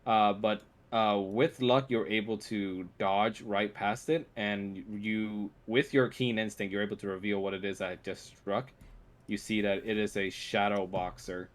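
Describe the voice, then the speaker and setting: A man narrating a tabletop role-playing game as game master in an informal, halting way. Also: lowish voice, steady tone.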